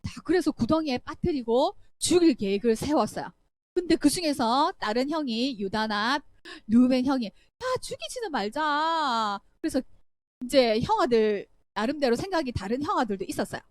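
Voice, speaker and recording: Brief: young woman, animated children's Bible storyteller, high pitched and very lively. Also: normal speed. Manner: animated, acts out voices, asks children questions. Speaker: Sunday school teacher.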